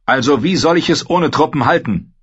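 A man's voice: on the high side, moderate pace, slightly rough, lo-fi sound, voice pushed up. A man reading an audiobook, voicing a proud, hot-tempered young lord who argues defensively. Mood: angry. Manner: angry, defensive, boastful. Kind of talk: audiobook character voice.

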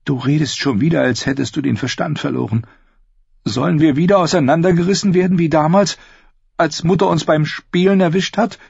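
Cersei, a proud queen as a man voices her in a high voice. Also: a little fast, gravelly, a little mellow, husky, no room sound, exaggerated voice. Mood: desperate. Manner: pleading, then scornful and biting. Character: desperate proud queen, woman, adult. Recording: dull lo-fi, dry.

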